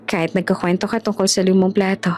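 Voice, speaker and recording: A woman's voice: medium pitch, level tone, fast, a little mellow, lightly acted. Woman doing an earnest young boss. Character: young man, reformed charming boss.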